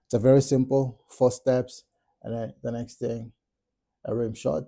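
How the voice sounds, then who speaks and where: A man from South Africa with a South African accent, calmly walking through how he builds a track, step by step, in a casual tutorial. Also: mid-range voice, measured pace, vocal fry. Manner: relaxed step-by-step explaining. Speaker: music producer tutorial host. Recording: music playing in the background.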